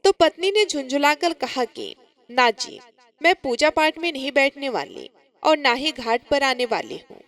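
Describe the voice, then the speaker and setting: A woman's voice: high-pitched, big pitch swings, a little slow, a bit bright, exaggerated voice. A woman voicing a scornful, irritable young daughter-in-law in a told story. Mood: irritated. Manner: irritated, scolding.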